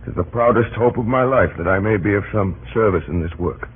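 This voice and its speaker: An actor playing Abraham Lincoln as a solemn, earnest statesman, speaking in measured, deliberate oratory in an old radio drama. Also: on the low side, husky. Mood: solemn, hopeful. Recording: old tinny, narrow-band radio recording.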